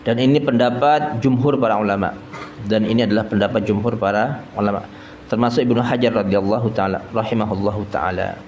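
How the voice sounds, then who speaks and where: A man's voice: fairly low pitch, fairly even intonation, fairly quick, darkish tone, highs cut off. A man gives a folksy study sermon in a prayer hall, often turning to the listeners as sir. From East Java, Indonesia. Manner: folksy, keeps addressing listeners as sir, chuckles at own jokes. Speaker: religious teacher. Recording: echoey prayer hall, faint noise.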